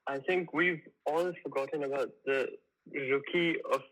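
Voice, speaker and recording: Mumbai racing guy, bright voice, jokey, video call. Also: medium pitch, fairly even intonation, measured pace, low-quality recording. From Mumbai, India. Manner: jokey, playful. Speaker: racing driver, podcast guest.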